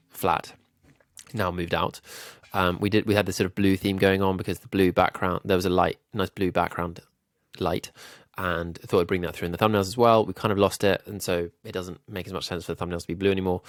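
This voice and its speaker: A YouTube growth coach with a low, gravelly voice that comes across nasal and slightly ill. He casually thinks out loud, filled with small ums, while guiding viewers through a design tutorial. The recording is dry, close-miked, and echo-free.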